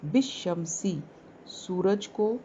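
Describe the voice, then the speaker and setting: A woman teaching a word-by-word translation lesson, saying each word slowly and repeating its meaning. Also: medium pitch, lively intonation, mellow, lo-fi sound, slight background noise. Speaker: Quran teacher.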